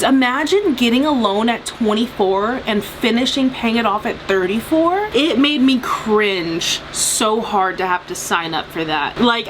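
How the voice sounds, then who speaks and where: Young woman, late 20s, bubbly casual eating-vlog host, medium pitch, noticeable noise in the recording. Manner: bubbly, giggly, informal. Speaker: vlogger and mukbang host.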